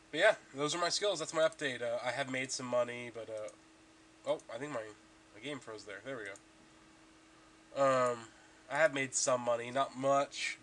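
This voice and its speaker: Young man, mid-pitched voice, casual rambling, allergy-stuffed, faint hiss behind. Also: fairly bright tone. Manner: rambling, many ums and restarts. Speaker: podcast host. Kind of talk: casual gaming podcast chat.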